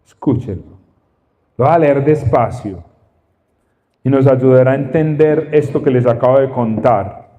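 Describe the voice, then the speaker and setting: A man preaching a sermon, slow and emphatic, repeating his phrases. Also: mid-range voice, dark tone. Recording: dull sound, long reverb in a hall.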